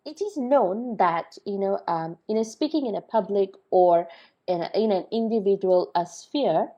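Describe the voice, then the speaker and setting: Woman lecturer, Malaysian English accent, hoarse and mellow, tags lines with "all right". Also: mid-range voice. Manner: frequent "all right" and "okay" check-ins. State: hoarse, recovering. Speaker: university lecturer. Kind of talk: recorded online lecture.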